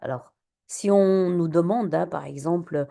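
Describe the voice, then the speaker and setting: A woman's voice: lowish voice, measured pace, gravelly, warm tone. A woman teacher giving a classroom lesson on poetry, patient and questioning, with many fillers and restarts.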